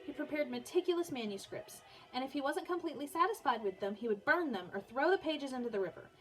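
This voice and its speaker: A young woman who teaches music reads a biography aloud to her pupils, tossing in casual asides and often stopping to soothe a small child. Her voice sits high and sounds expressive and a bit bright, and she speaks fast. The audio quality is poor.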